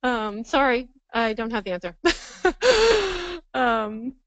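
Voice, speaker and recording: A woman's voice: fairly high pitch, big pitch swings, takes it slowly, fairly bright tone, dry recording, poor audio. A woman presenting a counseling workshop to a live room, thinking aloud and laughing often. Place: training room with live audience.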